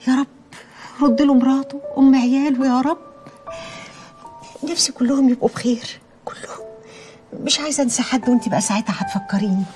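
A woman's voice: high voice, fairly even intonation, very fast, faint music behind, natural voice. An actress as a tender elderly Egyptian mother. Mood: tender prayerful. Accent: Egyptian Arabic. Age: older. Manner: tender, prayerful, softly pleading. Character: loving elderly mother praying for her children. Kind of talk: Egyptian TV drama acting.

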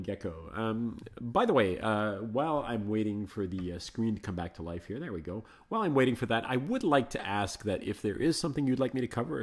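A man hosting a live Linux show, chatting casually and thinking aloud as he installs and explores software, coaxing slow programs along. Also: lowish voice. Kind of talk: casual live screencast commentary.

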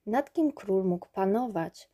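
A woman narrating a storybook aloud in a calm, measured way. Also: medium pitch, breathy edge. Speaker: reader. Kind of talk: audiobook narration.

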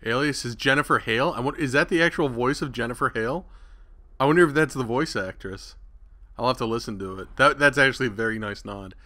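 Bright-voiced chatty male gamer. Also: mid-range voice, fast. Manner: chatty, irreverent, swears freely. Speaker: gaming channel host. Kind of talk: casual game commentary.

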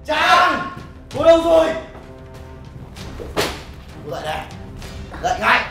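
A man's voice: very high voice, very animated, slow pace, creaky, over music, heavily acted. A man playing a young husband who harshly accuses his wife. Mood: angry, shouting. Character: angry young husband, quick to believe his mother. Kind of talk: web drama acting. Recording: roomy echo.

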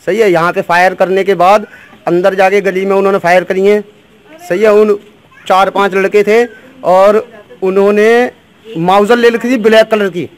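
Eyewitness: man, thirties, high voice, insistent and repetitive, street interview. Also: fairly even intonation, normal speed. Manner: insistent, repeats phrases. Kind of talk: animated street eyewitness account. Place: outdoors in a narrow lane with onlookers. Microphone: reporter's handheld microphone.

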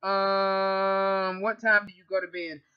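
Speaking slowly at a medium pitch with little movement, this thirty-something vlogger and radio host has a clean tone, but the webcam recording is muffled and faint music plays behind her. She sits indoors in her bedroom, close to the camera, fielding viewer questions in a chatty, rambling way and often correcting herself.

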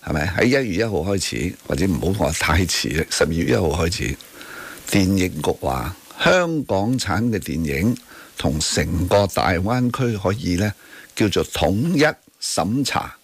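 This husky man speaks low at normal speed, with big swings in pitch. He hosts a talk show in a radio studio and has a Hong Kong Cantonese accent, pressing his points on current affairs forcefully with rhetorical tag questions and occasional English words.

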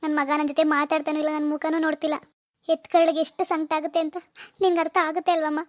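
A woman's voice: high voice, level tone, fast, no echo, clean studio sound, natural voice. A woman playing a remorseful middle-aged mother-in-law who earnestly begs her daughter-in-law's forgiveness in a homemade family drama skit. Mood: pleading. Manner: earnest, pleading, apologetic.

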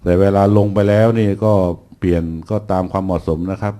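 Middle-aged male seminar lecturer, deep warm voice, easygoing with dry asides. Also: a little fast. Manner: relaxed, many fillers, dry classroom jokes. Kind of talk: recorded engineering seminar lecture.

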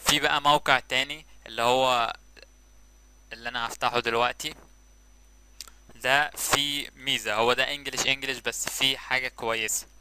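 A man with an Egyptian Arabic accent giving a casual, relaxed screen-recorded tutorial and explaining each step as he goes. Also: mid-range voice, a little fast, long pauses, a little hiss or hum, low-quality recording. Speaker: tutorial presenter.

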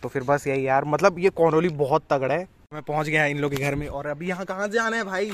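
A man's voice: a little high, a little fast, fairly bright tone, rough recording. A young man from India with a Chhattisgarh Hindi accent, chatting casually to his viewers while riding a motorbike and walking down a street. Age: young adult. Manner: chatty, addresses viewers as guys. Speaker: vlogger. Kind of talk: casual vlog chat. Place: outdoors on a motorbike and in a residential street. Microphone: action camera on bike and handheld selfie camera.

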